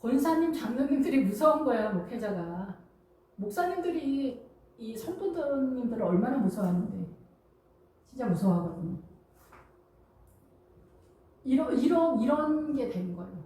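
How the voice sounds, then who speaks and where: A middle-aged woman pastor preaching a lively, humorous sermon, acting out quoted voices and often laughing. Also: a little high, moderate pace, pauses often, very echoey, far from the mic, poor audio. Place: church.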